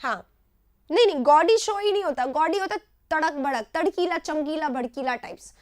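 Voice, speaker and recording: High-voiced Indian woman teaching vocabulary. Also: lively intonation, brisk, no room sound, studio quality. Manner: explains words in repeated short phrases, asks "right?". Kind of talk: live online class.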